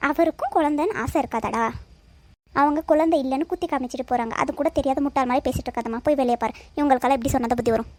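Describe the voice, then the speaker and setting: A woman's voice: high voice, very fast, darkish tone, no echo, pitched below the performer's own voice, lightly acted. A woman voicing a middle-aged mother in a cartoon, bossy and scolding toward her son.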